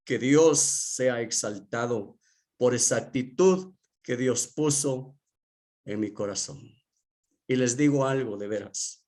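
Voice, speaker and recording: A male pastor giving an emotional testimony in a sermon, speaking slowly and earnestly to the congregation. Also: mid-range voice, a little mellow. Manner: slow, earnest, emotional preaching.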